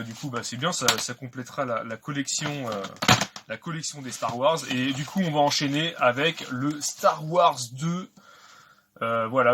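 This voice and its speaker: A man's voice: medium pitch, very noisy. A man casually talking through an unboxing of video games, chatty and hesitant with many fillers. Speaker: video game collector vlogger.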